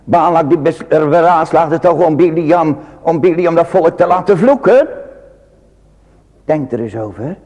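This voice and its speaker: A man's voice: on the high side, lively intonation, measured pace, darkish tone, in a large hall. A man preaching a sermon, pressing his point with repeated rhetorical questions.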